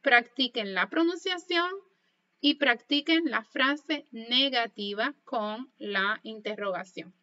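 A woman teaching a French lesson online, speaking slowly and carefully as she models pronunciation for learners to repeat. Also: a little high, sharp tone, highs cut off.

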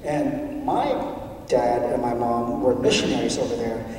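A man's voice: mid-range voice, fairly even intonation, measured pace, a little mellow, a little hiss or hum. A man giving a children's story in church, asking the kids questions as he talks. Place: large church sanctuary. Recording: echoey church hall from far off.

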